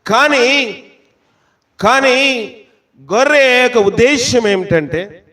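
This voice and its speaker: A pastor preaching a sermon, asking the congregation questions and reading scripture slowly and emphatically. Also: male voice, extremely high pitch, sharp tone.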